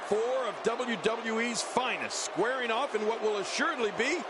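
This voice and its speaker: An excited wrestling commentator calls the match in a high, animated voice. It is video game sports commentary with loud noise behind it. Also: male voice, normal speed. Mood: keen.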